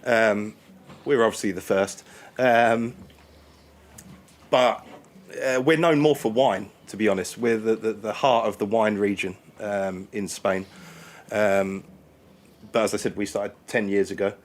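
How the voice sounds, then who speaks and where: A man from England speaking as a guest on a radio interview, talking in a relaxed, friendly way with hesitations. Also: lowish voice. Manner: relaxed, friendly, halting with fillers. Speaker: brewery guest.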